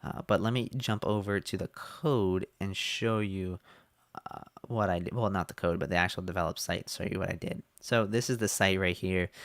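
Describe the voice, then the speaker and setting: A man explaining his website design in a casual screen-share walkthrough, relaxed with fillers, a little hoarse as he is losing his voice. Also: deep voice, dry recording, clean studio sound. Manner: relaxed, many fillers and restarts.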